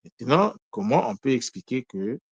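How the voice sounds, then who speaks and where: A man of middle pitch teaches in a deliberate, explaining way, putting questions to his listeners and then answering them. He stops to correct himself now and then. The sound is dry and close. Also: sing-song, breathy edge, no room sound, lo-fi sound. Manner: corrects himself mid-sentence. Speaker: teacher of Kikongo word meanings. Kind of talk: explanatory lesson talk.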